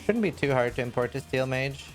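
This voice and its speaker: A man's voice: mid-range voice, expressive, fairly quick, soft background music. A man from Norway, a game streamer rambling in casual chat, full of fillers and restarts.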